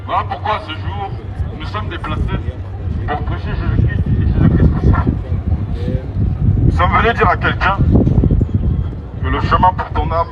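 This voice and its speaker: A high-voiced street evangelist preaches an open-air sermon through a megaphone on a busy city street, exhorting listeners with repetitive, emphatic phrasing. The megaphone sounds dull and distant, buried under loud traffic and urban ambience.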